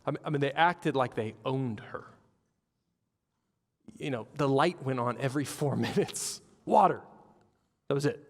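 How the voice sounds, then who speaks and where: Male pastor, mid pitch, animated sermon delivery, reverberant church hall. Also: moderate pace, pauses often. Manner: animated storytelling with acted-out quotes.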